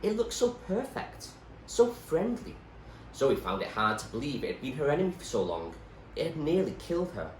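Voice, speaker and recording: A teacher reads a novel aloud as narrator, delivering the scripted story dramatically and with strong emphasis. His fairly high voice is very animated at a moderate pace, and the room adds a roomy echo with faint background noise.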